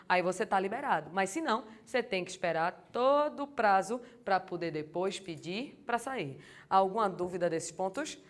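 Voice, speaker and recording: Lively woman teaching law. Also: fairly high pitch. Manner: lively, colloquial, asks the class rhetorical questions. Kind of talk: lecture for exam preparation.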